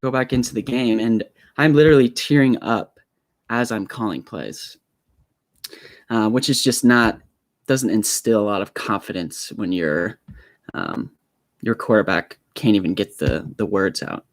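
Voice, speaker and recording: A young man hosts his own live stream from a home room studio, speaking into a small desk microphone. He tells a story nervously and ramblingly, full of fillers and restarts, in a lowish voice at a measured pace, with no room sound.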